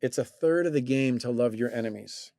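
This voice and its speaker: A man's voice: mid-range voice, fairly quick, gravelly, dark tone, dry recording, studio quality. A man hosting a talk show, teaching and coaching in a reflective way with many fillers and restarts. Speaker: host and coach.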